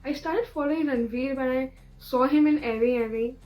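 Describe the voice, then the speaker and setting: A woman's voice: sits high, a little fast, darkish tone, poor audio. A woman giving a gushing, affectionate fan testimonial. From India.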